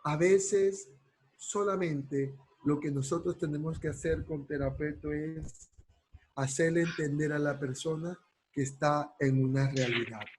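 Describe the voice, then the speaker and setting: A man's voice: fairly high pitch, fairly even intonation, a little mellow, a little hiss or hum, low-quality recording. A man teaching a counseling class. He asks rhetorical questions and keeps checking in with his students. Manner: slows right down to stress key words. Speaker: counseling course lecturer. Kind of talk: class lecture.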